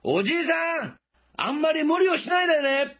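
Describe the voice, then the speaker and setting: A man voicing a passerby who shouts louder and louder to a farmer who cannot hear, in a dull lo-fi recording. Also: extremely high pitch, animated, normal speed, pitched above the performer's own voice. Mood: shouting kindly.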